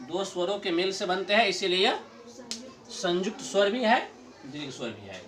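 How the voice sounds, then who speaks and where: A middle-aged man teaching a grammar lesson to a class, explaining slowly, repeating his points and chuckling often. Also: sits high, animated, fairly bright tone.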